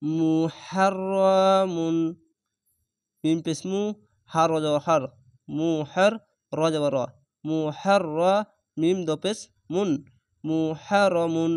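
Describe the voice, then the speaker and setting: Slow, crisp-voiced Bengali Quran teacher. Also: male voice, fairly high pitch, steady tone, a little mellow, no room sound, studio quality. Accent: Bangladeshi Bengali. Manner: spells syllables letter by letter, then chants the word. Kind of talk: slow spelling-out recitation lesson.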